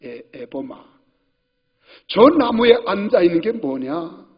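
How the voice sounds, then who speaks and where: A pastor doing a gentle old father of eighty-three. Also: high voice, big pitch swings, slow pace, slightly rough, heavily acted. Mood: musing. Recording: reverberant church hall, dull sound.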